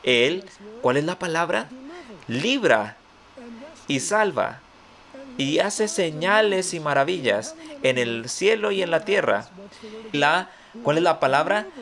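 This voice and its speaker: Brief: male pastor, slightly high voice, preaching, reads scripture and fires rhetorical questions at the congregation. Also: sing-song, slow pace, fairly bright tone. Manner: quizzes listeners with rhetorical questions; reads scripture aloud, then comments. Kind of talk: sermon.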